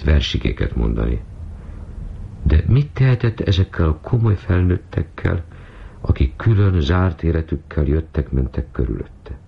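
A man narrating a novel in a measured way on an old radio broadcast. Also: very deep voice, gravelly, a little hiss or hum. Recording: dull old radio recording.

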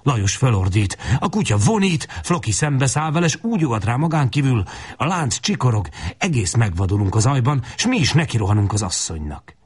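A man narrating a story in Hungarian... as a dramatic audiobook reading, expressive and dropping to hushed tones in intimate passages. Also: mid-range voice, slightly rough.

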